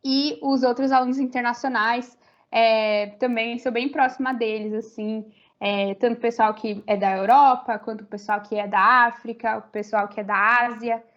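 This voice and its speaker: Her voice sits a little high, steady in tone, at a moderate pace. She's a young adult Brazilian university student with a Brazilian Portuguese accent, appearing as a podcast guest for a casual interview chat packed with fillers and rambling restarts, recorded with slightly muffled audio.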